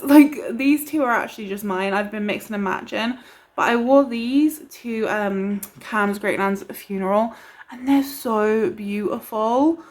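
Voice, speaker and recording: A young woman from the UK talks casually to her camera as a beauty vlogger, rambling on in a chatty, excitable way. Her voice sits a bit high.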